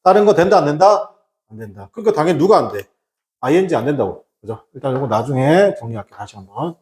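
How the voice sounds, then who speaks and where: A man's voice: fairly high pitch, big pitch swings, fast, roomy sound, a little hiss or hum. A man teaching English grammar in a recorded lecture, firing rhetorical questions and answering them himself, switching between casual and polite speech. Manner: acts out shouted warnings to make a point.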